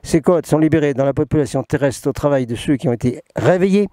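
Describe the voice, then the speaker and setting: A talkative man who rambles, restarts and pokes fun at himself as he reads and comments. His voice sits slightly high yet sounds mellow and soft-edged. The recording is close and dry, with no room around it. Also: quick pace, dry recording. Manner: jokey, self-mocking, rambling with many restarts. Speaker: spiritual channeler hosting a talk. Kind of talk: casual spoken talk mixing reading and asides.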